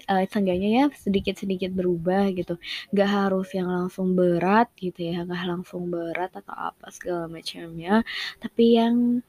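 A young woman, a university student, talking softly and thankfully in a personal vlog, often dropping into a whisper. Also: fairly low pitch, no echo. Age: young adult. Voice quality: often drops to a soft whisper. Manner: soft, emotional, thankful, with frequent fillers and laughs.

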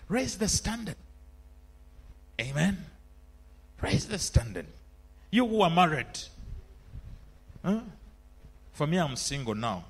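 Ugandan preacher, high and lively. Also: male voice, slightly rough. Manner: mixes in phrases of a local language. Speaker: pastor. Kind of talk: sermon.

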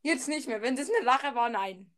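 A woman's voice: high-pitched, animated, normal speed, a bit bright, a little hiss or hum. A woman chatting casually on a podcast, giggly and hesitant.

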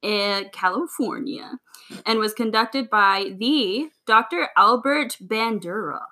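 A woman's voice: a little high, takes it slowly, bright, forceful tone. A young woman co-hosting a casual trivia chat, laughing often and tripping over her words. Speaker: podcast co-host.

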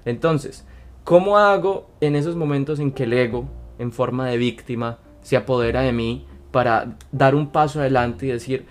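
A man's voice: mid-range voice, moderate pace. Earnest man hosting motivational talk. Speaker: podcast host.

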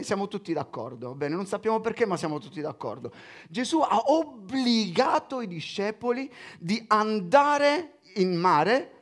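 A man preaching a sermon, reading scripture aloud and breaking off into joking asides to his congregation. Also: high-pitched.

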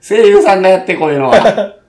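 A man's voice: high voice, animated, quick pace, darkish tone. A man with a Kansai accent, co-hosting a casual podcast and bantering with laughter. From Kansai, Japan. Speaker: podcast co-host, bartender. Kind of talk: casual chat.

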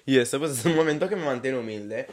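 Young man, animated. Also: mid-range voice, quick pace. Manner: animated storytelling, laughs often. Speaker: podcast co-host. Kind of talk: casual chat.

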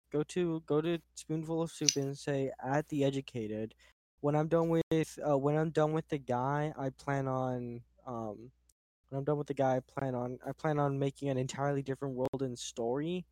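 A man's voice: fairly high pitch, steady tone, normal speed, warm tone, no room sound. Young guy chatting, rambly, lotsa "like"s, dead dry mic. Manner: rambling, many filler likes. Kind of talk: casual chat. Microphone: own microphone on a tripod.

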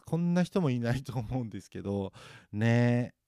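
A man's voice: mid-range voice, lively intonation, normal speed, dark tone, smooth, no room sound, clean studio sound. A man chatting alone, self-mocking and rambling, with many fillers. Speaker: podcast host. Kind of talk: casual solo chat.

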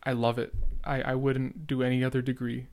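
Talking a little fast in a darkish voice of ordinary pitch with a level tone, a young man reacts to one of his own podcast episodes. He rambles casually and earnestly, stuttering noticeably and relying on fillers.

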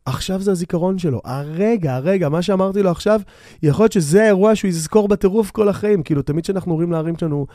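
Dark-voiced man rambling on his podcast. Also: sits high, no echo, studio quality. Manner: rambling, with many fillers and restarts; self-deprecating and quick to laugh. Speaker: podcast host; bassist. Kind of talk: casual solo podcast monologue. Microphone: new microphone on a stand.

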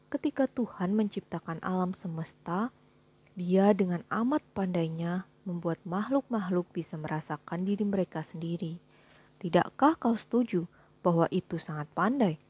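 A woman voicing a calm, patient angel who explains things evenly, in a storybook reading, with a breathy voice. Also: medium pitch, moderate pace, close to an everyday voice.

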